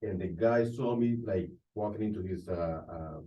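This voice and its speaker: A man in a sales class telling a story from his work, halting now and then with fillers. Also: low-pitched. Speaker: real estate agent in class. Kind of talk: anecdote in class discussion. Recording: distant, muffled room mic.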